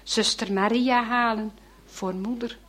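A woman's voice: on the high side, fairly even intonation, measured pace, a bit bright. Woman doing a timid eleven-year-old boy.

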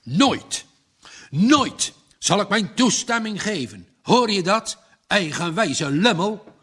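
Guy doing a furious stubborn old farmer dad, shouty, husky. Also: big pitch swings, takes it slowly, heavily acted. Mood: indignant. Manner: shouting, indignant, pitch jumps up.

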